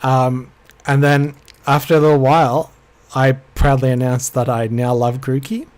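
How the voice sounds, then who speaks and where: A man's voice: medium pitch, level tone, normal speed, a little mellow. Rambling man, casual podcast chat. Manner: rambling, self-deprecating, trails off with fillers. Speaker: podcast co-host.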